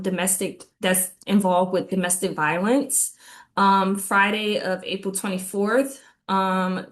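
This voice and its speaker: A woman giving community updates at a neighborhood commission meeting, halting with frequent ums and slightly out of breath. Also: medium pitch. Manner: halting, many ums, reads list of items. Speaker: city government liaison giving community updates.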